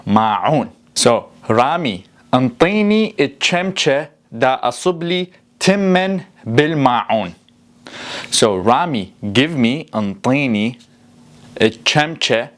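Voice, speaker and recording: A man with a mid-pitched voice teaches like a channel host chatting to learners. He is upbeat and informal, and he slows down to say key words clearly and repeat them. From Iraq. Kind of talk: casual language lesson with example sentences.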